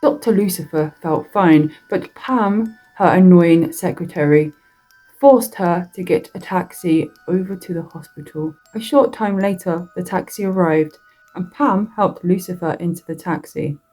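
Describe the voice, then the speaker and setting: A woman narrating a horror story in a slow, deliberate reading that draws out its words. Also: on the low side, warm tone, faint music behind, rough recording.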